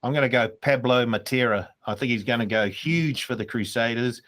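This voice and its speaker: A man's voice: medium pitch, a little fast, fairly bright tone. New man, short direct pick. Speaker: podcast panelist. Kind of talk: casual sports chat.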